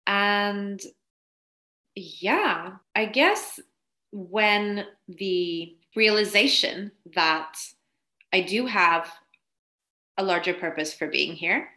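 Speaking extremely slowly with long pauses, a woman uses an expressive, medium-pitched voice that sounds pushed and bright. She's a spiritual coach guesting on a podcast interview, sharing her story chattily with frequent laughter and plenty of "like."

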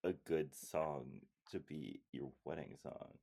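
A man's voice: very deep voice, expressive, slow pace, gravelly, mellow. A man co-hosting a podcast, joking and giving emphatic advice to listeners. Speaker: podcast co-host. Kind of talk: casual movie recap chat.

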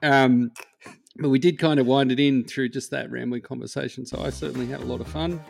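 A male podcast host chats casually at a middling pitch. He sounds laid-back and wry, addressing his guest like a mate, with music in the background. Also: fairly even intonation, a little fast, creaky, a little mellow. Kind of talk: casual interview chat.

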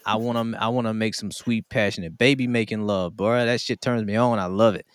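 Man, very deep voice, dry sound, laid-back podcast host, casual chat. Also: steady tone, a little fast, clean tone, dry recording. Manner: laid-back, says "bro" often.

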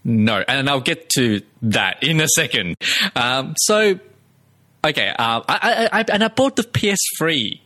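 A man co-hosting a relaxed podcast conversation. His voice is bright and forceful. He talks in an animated way, stacking repeated words for emphasis and breaking into laughs. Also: medium pitch, unhurried. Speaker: podcast co-host. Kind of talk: casual chat.

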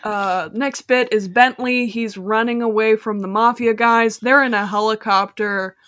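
A woman with a bright, fairly high voice chatting casually on a podcast, recapping a cheesy movie scene by scene. She rambles a bit with fillers, and the close mic sounds dry. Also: steady tone, a little slow, dry recording. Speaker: podcast host.

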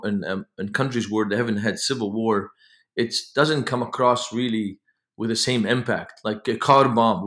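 Man from Lebanon, fifties, podcast guest, earnest storyteller, laughs now and then, mid-pitched voice. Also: a bit bright. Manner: earnest, laughs while telling stories. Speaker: podcast guest, ministry founder. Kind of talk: storytelling interview answers.

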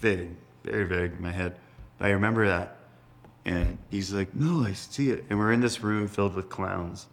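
Low gravelly young man rambling. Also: steady tone, moderate pace. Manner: rambling, many fillers and laughs. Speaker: guest. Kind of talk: casual storytelling chat.

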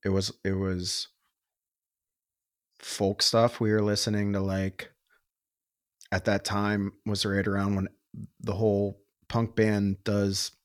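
A man's voice: fairly low pitch, little pitch movement, slow, pauses often, no room sound, clean studio sound. A man hosting a casual podcast chat, enthusiastic and rambling, full of "like" and swearing. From Western Pennsylvania. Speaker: podcast host.

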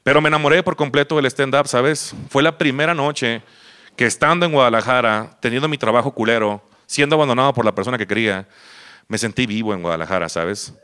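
A man's voice: mid-range voice, fairly quick, pushed and bright, smooth. A young man with a Mexican accent, a stand-up comedian telling a personal story and acting out other people's lines, swearing casually as he goes. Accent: Mexican Spanish.

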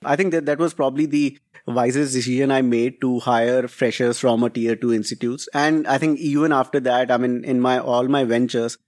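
A man's voice: medium pitch, steady tone, moderate pace, a little mellow. A middle-aged man with a North Indian accent answers interview questions conversationally, switching between English and Hindi and often checking in with a tag question. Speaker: entrepreneur being interviewed.

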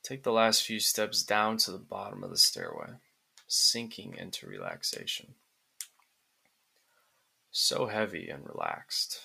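A man narrating a guided relaxation script like a sleep story, in calm, soothing, deliberate phrases with pauses. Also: lowish voice, gravelly, slightly rough.

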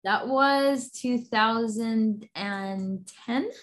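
A woman's voice: a little high, extremely slow. A woman from Sudan, a guest in an interview, talking enthusiastically with many fillers and restarts. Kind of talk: interview conversation.

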